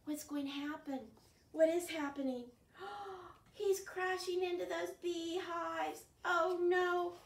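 Her voice very high and her pace slow, an older woman leads a picture-book storytime for little ones, asking her listeners lots of questions and reacting with exaggerated gasps. She's a children's librarian filming at home in her living room, with the camera a few feet away giving a roomy, distant sound.

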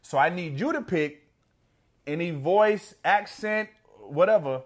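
A man's voice: sits high, animated, a little slow. A man from Texas with a Texan accent, hosting a podcast in casual, slangy banter. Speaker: podcast host. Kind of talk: casual chat.

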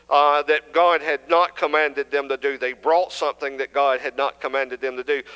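Young man, Southern US accent, earnest sermon, bright clear voice, church hall reverb. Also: fairly high pitch. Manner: earnest, rising in intensity, many restarts. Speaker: preacher. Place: church sanctuary, at a pulpit.

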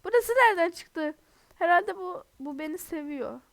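Feeling unwell, a young gaming video host keeps up a chatty, giggly commentary on her gameplay for viewers. Her very high-pitched voice is expressive and moves at a normal speed, recorded with no room sound.

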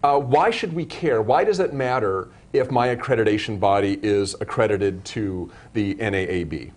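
A man's voice: lowish voice, normal speed. A man hosting a live web broadcast interview, asking long, rambling questions full of restarts and self-corrections. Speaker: show host.

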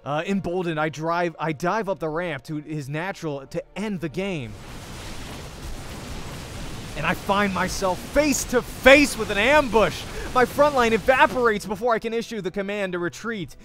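A young man with a slightly high voice narrates a visual novel for a let's play, reading in the first person with dramatic, storytelling flair. His intonation is lively and his speed normal, and faint music plays underneath.

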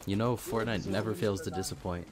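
A man's voice: lowish voice, steady tone, fairly quick. A man hosting a compilation with voice-over commentary. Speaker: compilation host. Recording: loud music behind voice-over. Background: music.

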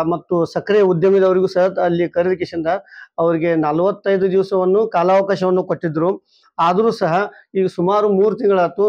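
A middle-aged man, a local resident, making a halting appeal at a press conference with frequent fillers and restarts. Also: high-pitched, no room sound, highs cut off. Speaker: local resident voicing a complaint. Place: small indoor room, seated among a group.

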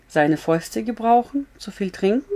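A woman's voice: on the high side, animated, moderate pace, warm tone, pitched above the performer's own voice, natural voice. A woman reading a story aloud, voicing a frank, blunt but comforting young woman in an earnest, raised voice.

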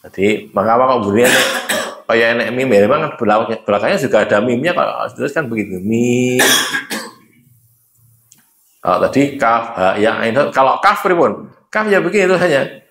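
A man's voice: mid-range voice, animated, fairly quick, fairly bright tone, echoey room. A man with a Javanese accent teaching Quran reading at a religious study, explaining patiently and chanting letters aloud. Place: mosque.

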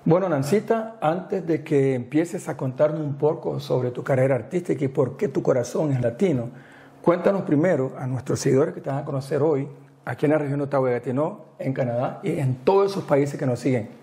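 A man's voice: on the high side, a little fast. A middle-aged man hosting a studio interview, chatty and friendly, asking questions and now and then slipping in an English word. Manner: warm, chatty questions with a little English mixed in. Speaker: interview host. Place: small indoor studio, seated. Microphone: lapel mic.

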